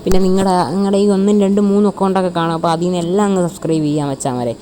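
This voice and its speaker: A woman's voice: on the low side, steady tone, rapid-fire, warm tone, a little hiss or hum. A woman with a Malayali accent giving casual gameplay commentary, mixing Malayalam with English words and chummily addressing viewers as buddies. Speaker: gaming channel host.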